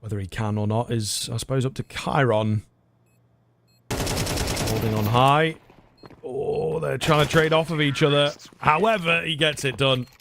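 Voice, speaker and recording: A man's voice: medium pitch, steady tone, a little slow, gravelly, background noise. A man giving live analysis and commentary on an esports match as a caster.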